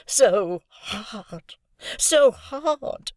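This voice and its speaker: A woman playing Miss Havisham, wailing high. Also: animated, dry recording, clean studio sound. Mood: moaning. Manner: moaning, wailing, drawn-out. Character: old jilted woman, wild and anguished. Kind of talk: audiobook drama reading.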